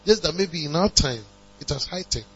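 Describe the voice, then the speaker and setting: A man preaching a sermon, calling on the congregation to respond and building to emphatic high passages. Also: expressive, moderate pace, a bit bright, breathy edge. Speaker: pastor. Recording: dull lo-fi recording with mains hum.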